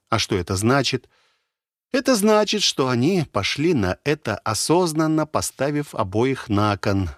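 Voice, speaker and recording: Male audiobook narrator with a lowish voice, dramatic, measured delivery, dry close recording. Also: no echo.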